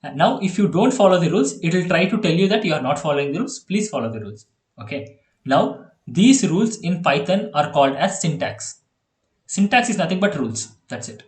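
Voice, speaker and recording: A man with an Indian English accent tutoring a child in programming on a video call, chatty and quick to laugh. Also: fairly high pitch, expressive, reverberant. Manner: chatty, laughs often, repeats okay and yeah. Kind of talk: online one-on-one coding lesson.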